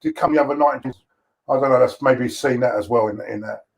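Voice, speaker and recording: Male co-host on a glitchy online call, audio breaking up, hesitant and halting delivery. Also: medium pitch, vocal fry. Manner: hesitant, trailing off, many restarts. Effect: online call audio breaking up and cutting out. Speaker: co-host on a football fan stream. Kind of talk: casual chat. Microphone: video call.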